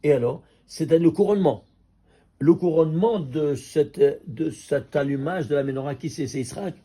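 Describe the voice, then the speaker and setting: A man teaching a Torah class as a rabbi, an animated teacher who keeps quizzing his listeners. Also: on the high side, breathy edge. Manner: lively teacher quizzing listeners with quick questions. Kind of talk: Torah class on number mysticism.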